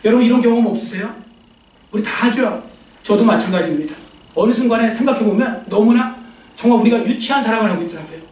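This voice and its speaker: A man's voice: very high-pitched, fast, far from the mic. A man preaching a sermon as pastor, telling stories and acting out the voices of the people in them. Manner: animated storytelling, acting out quoted voices. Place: church sanctuary. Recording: roomy church sound from off-mic.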